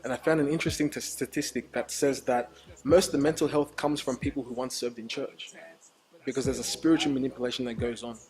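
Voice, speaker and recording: A man's voice: medium pitch, steady tone, quick pace, a little mellow, rough recording. A gospel musician and minister, a man, giving earnest and reflective interview answers that turn openly confessional. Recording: crowd chatter in the background.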